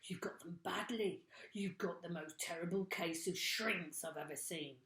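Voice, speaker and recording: A woman voicing a scheming, nasty old husband who slowly and loudly taunts his wife, in an echoey room. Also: lowish voice. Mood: gloating. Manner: slow, gloating, loud taunting.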